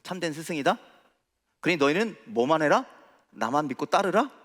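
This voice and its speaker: A man's voice: on the high side, sing-song, normal speed, fairly bright tone. A male pastor preaching a sermon in a church, asking the congregation questions as he goes. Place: church sanctuary. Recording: reverberant church hall.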